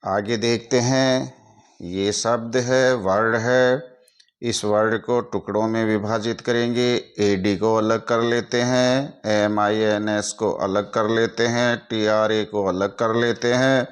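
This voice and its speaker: Slow, smooth-voiced Hindi-accented teacher. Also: male voice, fairly low pitch, fairly even intonation. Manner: spells out English words letter by letter. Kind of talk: explaining to students.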